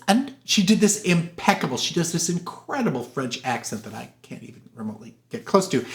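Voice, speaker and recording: A man hosting a casual film review show, animated and gossipy, sometimes putting on voices for quotes. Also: medium pitch. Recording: roomy echoey room.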